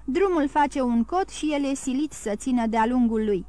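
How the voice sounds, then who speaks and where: A woman's voice: high voice, expressive, mellow, dry recording. A woman voicing a grim, scheming innkeeper's wife with a tremulous, sly and menacing way of speaking.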